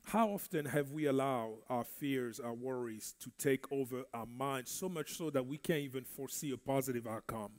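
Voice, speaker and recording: With a mid-range, darkish voice, a French-speaking Congolese minister leads a church Bible study at normal speed, barely pausing at all. His delivery is conversational preaching marked by repeated words.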